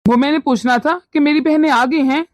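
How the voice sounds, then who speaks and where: A woman voicing a calm, placating husband in a cartoon story, pitched well below her usual voice. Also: no echo, close to an everyday voice. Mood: soothing. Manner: placating, unhurried. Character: adult male husband, calm and soothing.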